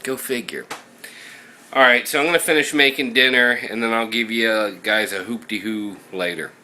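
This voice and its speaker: A man's voice: medium pitch, steady tone, normal speed, sharp tone, a little hiss or hum, low-quality recording. A man in a casual daily vlog, talking in a chatty, self-deprecating way with frequent laughs, at home in his kitchen. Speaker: vlogger.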